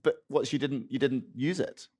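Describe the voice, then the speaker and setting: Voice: mid-range voice, normal speed, over a noisy crowd. A podcast host asking playful, teasing questions in a live interview.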